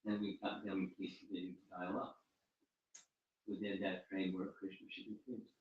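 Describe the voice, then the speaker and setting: A fairly low-voiced man gives an informal religious talk and fields questions, often repeating and restarting his words. He is heard from some distance in a very echoey room. The sound is dull and muffled. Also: level tone, normal speed. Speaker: spiritual teacher answering questions. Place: room at a home gathering. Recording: roomy, distant, dull recording.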